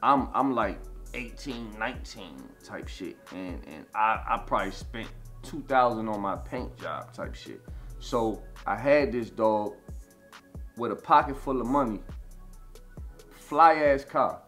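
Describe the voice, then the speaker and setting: A man's voice: on the low side, expressive, measured pace, a bit bright, soft background music. A man in his thirties telling a long personal story in a casual interview, rambling with lots of "you know what I'm saying" and swearing. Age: 30s. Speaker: interview guest.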